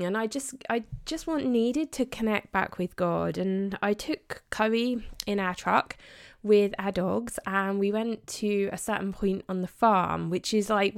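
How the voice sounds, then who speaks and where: Heartfelt chatty woman, gravelly edge. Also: mid-range voice. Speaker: podcast host. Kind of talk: devotional podcast monologue.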